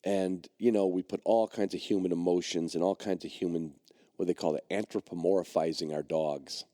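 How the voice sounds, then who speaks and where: A middle-aged man with a low, mellow voice tells a long personal story on his podcast. He rambles, circling back with plenty of fillers and restarts. The sound is dry and close. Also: fairly even intonation, normal speed, no echo. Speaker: podcast host and dog trainer.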